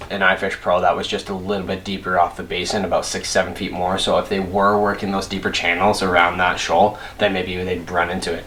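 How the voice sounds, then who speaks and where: Young male fishing vlogger, deep voice, laid-back and chatty to camera. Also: slight background noise. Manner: relaxed, chatty, self-deprecating. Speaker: fishing channel host. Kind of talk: casual direct-to-camera intro.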